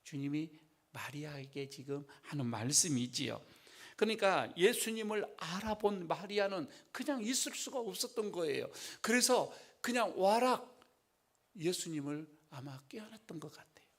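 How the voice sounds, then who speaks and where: A male preacher delivers a sermon in a church sanctuary. His voice sits a little high and has a heavy gravelly fry. He swings between loud, emphatic lines and hushed, whispered ones. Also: lively intonation, moderate pace. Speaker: senior pastor.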